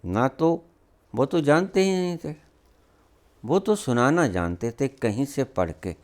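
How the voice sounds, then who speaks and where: A man delivers a spiritual discourse slowly, with long pauses between words. His pitch swings widely as he fires off rhetorical questions and scolds emphatically. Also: big pitch swings, a little mellow. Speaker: spiritual teacher.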